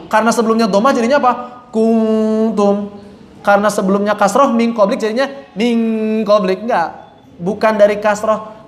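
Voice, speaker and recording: Man teaching recitation in an echoey room. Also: high-pitched. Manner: corrective, demonstrates right and wrong readings aloud. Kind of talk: tajwid lesson with recited examples. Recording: roomy echo.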